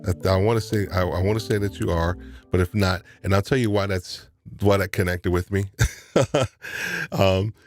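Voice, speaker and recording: Deep-voiced New man, rambling host. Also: normal speed, a little mellow, soft background music. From New York. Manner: rambling, with frequent restarts and repeated words. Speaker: live stream host. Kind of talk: casual live stream chat.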